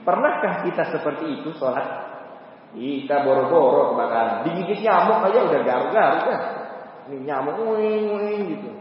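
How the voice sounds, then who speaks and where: Animated man preaching in echoey hall. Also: high voice. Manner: animated storytelling, acts out voices, rhetorical questions. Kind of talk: sermon. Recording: echoey hall, distant mic, dull sound.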